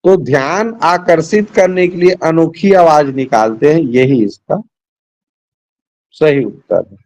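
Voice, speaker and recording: Teaching Hindi over a call, this middle-aged man steps his students through the answer choices one at a time with patience. His voice is a little high and slightly mellow, though the audio is poor.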